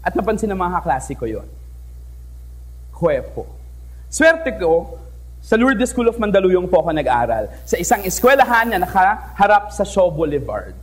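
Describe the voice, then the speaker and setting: A young man from the Philippines speaks to an audience from a stage microphone, telling a story in a lively, joking way. His voice sits high for a man and rises and falls widely. He keeps drawing the crowd in with quick questions. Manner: lively, playful, switches between languages, asks the audience questions. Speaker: teacher giving a talk. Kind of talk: storytelling speech to a live audience. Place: stage in an event hall.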